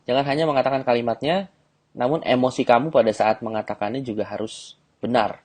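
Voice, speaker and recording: A man at an ordinary middle pitch, teaching as a dating coach. He talks straight to the listener in a direct, instructive manner and keeps checking in as he goes. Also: steady tone, a little fast, darkish tone, breathy edge. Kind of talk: instructional audio lesson.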